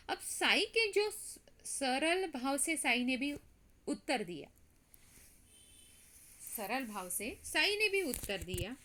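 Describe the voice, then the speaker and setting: A woman's voice: fairly high pitch, pushed and bright. A woman teacher reads a story passage aloud and then explains each line in simple words. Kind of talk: reading and explaining a Hindi lesson.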